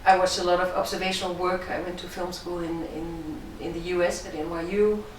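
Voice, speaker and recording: A woman's voice: lowish voice, little pitch movement, noisy background. Danish-accented woman in an echoey room. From Denmark. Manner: measured, explanatory, thoughtful. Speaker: film director. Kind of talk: interview answers. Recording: echoey room, distant mic.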